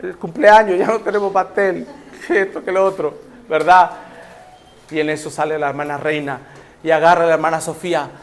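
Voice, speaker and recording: A man's voice: on the high side, fairly even intonation, fairly quick, a little hiss or hum. A male pastor with a Nicaraguan accent preaching conversationally, acting out little scenes. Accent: Nicaraguan Spanish. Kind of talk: sermon.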